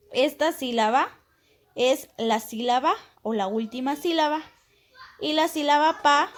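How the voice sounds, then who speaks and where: A woman, teaching a primary school class and patiently explaining step by step, repeating words slowly. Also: high-pitched. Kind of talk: recorded class lesson.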